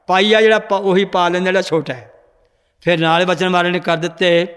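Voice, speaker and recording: Man teaching scripture class, tells stories and explains, clear smooth voice, big echoey hall. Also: sits high, flat delivery, fairly quick, fairly bright tone. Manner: explanatory, storytelling, corrects students' recitation. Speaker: religious teacher. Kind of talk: scripture lesson with storytelling. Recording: long hall reverb.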